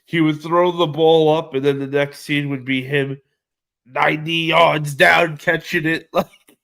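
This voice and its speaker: A man hosts a casual live stream, reading out viewer comments and answering each one in loose, slangy talk. He speaks at an unhurried, drawn-out pace. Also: fairly high pitch, fairly even intonation, gravelly, fairly bright tone. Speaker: livestream host reading chat.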